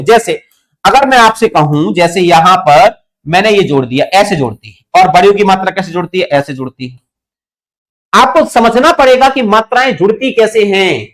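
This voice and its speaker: A young man teaching a Hindi grammar lesson for exam students, explaining step by step, repeating key points and asking his students questions. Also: high voice. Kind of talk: online exam-prep lesson.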